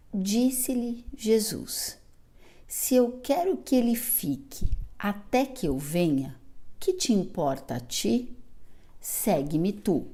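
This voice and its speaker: A woman delivers a gospel talk at a slow, careful pace. Her voice is mellow and soft-edged, and she explains each point patiently, sometimes restarting a phrase to correct herself. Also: medium pitch, gravelly. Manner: measured, explanatory, with self-corrections. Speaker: speaker giving a gospel talk at a spiritist center. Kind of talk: gospel exposition.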